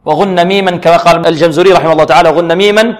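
A man teaching Quran recitation who asks the class questions, answers them himself, and repeats words slowly for practice. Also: fairly high pitch, fairly even intonation, in a large hall.

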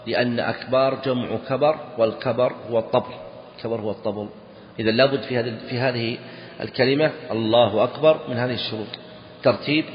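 Man teaching in an echoey hall. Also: medium pitch. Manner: deliberate, repeats key phrases, asks students "clear?". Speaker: Islamic law teacher. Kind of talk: explaining a read text in a lesson. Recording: dull echoey hall recording.

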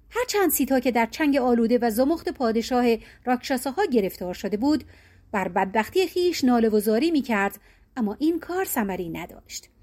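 A woman narrates an old legend for an audiobook. Her delivery is measured and colloquial, her voice sitting a bit high. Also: a little mellow. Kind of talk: storybook narration.

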